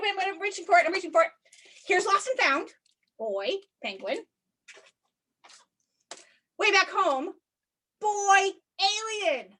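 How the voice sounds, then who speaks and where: A woman children's librarian leading an animated, sing-song story time for small children over a video call. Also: very high voice.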